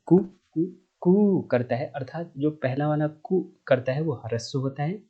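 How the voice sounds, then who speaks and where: A man's voice: mid-range voice, moderate pace, breathy edge, narrow, tinny audio. A man teaching Sanskrit grammar online. He explains step by step, asks himself questions and answers them, and stretches vowel sounds to show their length.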